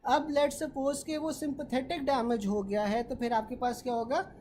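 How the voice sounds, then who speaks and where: Woman w/ teaching a med class online, kinda high voice, slight hiss behind. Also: fairly even intonation, moderate pace, darkish tone, low-quality recording. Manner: explanatory, checks in with students often. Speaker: medical tutor.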